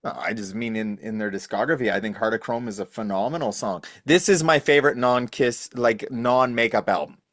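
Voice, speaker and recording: A man's voice: medium pitch, brisk, few pauses, fairly bright tone, no echo. Gushing, enthusiastic man, dry sound. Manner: enthusiastic, gushing fan talk. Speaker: podcast guest. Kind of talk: casual chat.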